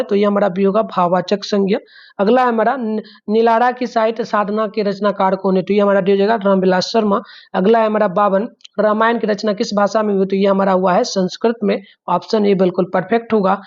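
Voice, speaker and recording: A man teacher going through exam answers, sounding out letters slowly and often calling to the children. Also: high voice, muffled recording. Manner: drawn-out repeated sounds, frequent fillers, addresses the children.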